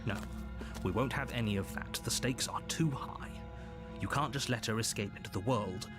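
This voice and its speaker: A man playing a stern, disapproving narrator in a video game, measured and theatrical. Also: mid-range voice, music in the background, lightly acted. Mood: insistent. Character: stern male narrator, disapproving and insistent guide. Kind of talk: scripted second-person game narration.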